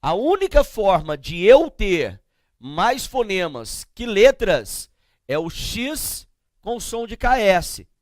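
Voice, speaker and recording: A middle-aged Brazilian man teaching grammar to a class, slow and emphatic, asking questions and answering them himself as he spells out letters and sounds. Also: high-pitched, very animated, no room sound, studio quality. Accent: Brazilian Portuguese.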